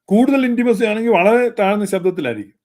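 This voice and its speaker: A male preacher with a high voice. He scolds with fervour and drives his points home by repeating them. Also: a little fast, a little mellow. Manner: fervent, scolding, mocking, with pointed repetition. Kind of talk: sermon-style critique.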